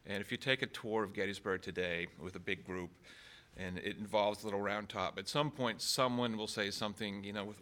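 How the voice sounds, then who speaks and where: Male author guest from Maine; lowish, bright voice; halting interview talk full of ums. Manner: hesitant, many fillers and restarts. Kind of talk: conversational interview.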